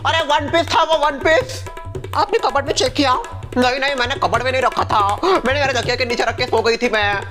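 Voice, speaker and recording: A man playing a whole household of women and neighbours in a comedy skit, jumping between squeaky and low put-on voices, with music behind him. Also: a little fast, bright, forceful tone. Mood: frantic scolding. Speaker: sketch comedian playing all characters. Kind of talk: comedy skit with one performer in every role.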